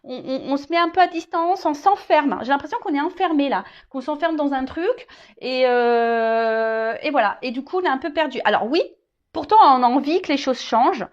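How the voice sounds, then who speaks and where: Woman, tarot reader, casual reading to viewers, halting, repeats words, slightly high voice, muffled lo-fi sound. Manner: hesitant, repeats words, often adds "hein".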